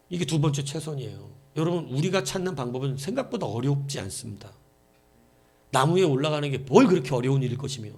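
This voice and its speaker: A man's voice: medium pitch, darkish tone, breathy edge. A male pastor preaching a late-night vigil sermon in a church, emphatic and full of rhetorical questions put to his listeners.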